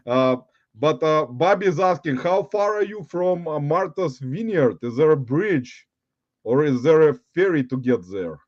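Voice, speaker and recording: A Russian-accented man in his forties from Uzbekistan hosts a casual livestream, rambling and halting as he calls his viewers "guys." His fairly high voice has lively intonation, and the recording has no room sound and cut-off highs.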